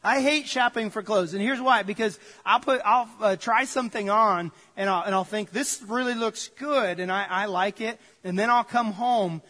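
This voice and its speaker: A man with a high, light voice preaches in a sanctuary, and the sound rings out with a long church reverb. He keeps it conversational, drifting into jokes and everyday stories as he talks to the congregation. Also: moderate pace, few pauses, sharp tone. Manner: conversational, jokey storytelling to the congregation. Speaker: pastor. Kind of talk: sermon.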